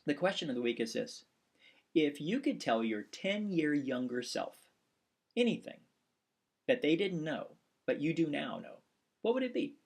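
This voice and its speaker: Gravelly husky guy in his 40s, pastor type teacher rambling earnestly through class announcements. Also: on the high side, sing-song, moderate pace, darkish tone. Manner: rambling, earnest, with many restarts and fillers. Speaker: instructor and pastor. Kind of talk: casual course announcement video.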